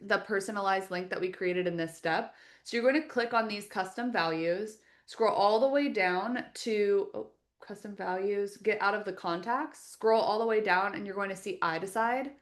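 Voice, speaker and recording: A woman who trains users for the company leads a live webinar, sharing her screen to walk through a software tutorial. Her voice is medium-pitched at a normal speed, and she explains step by step in a friendly, practical way.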